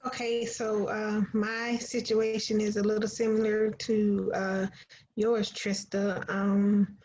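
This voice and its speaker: A woman panel guest starting her personal story in a halting, measured way, heard over dull lo-fi audio. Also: mid-range voice, level tone, darkish tone, slight background noise. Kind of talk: personal testimony.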